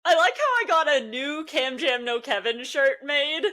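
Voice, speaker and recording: A woman co-hosting a podcast in casual chat, excitable and quick to laugh. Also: sits high. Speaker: podcast co-host.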